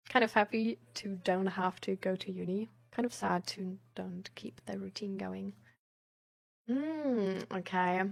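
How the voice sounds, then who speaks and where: A gravelly, mid-range female voice, slow in pace. She's a live streamer reading out viewer messages and chatting casually, rambling along with giggles and hesitant phrasing.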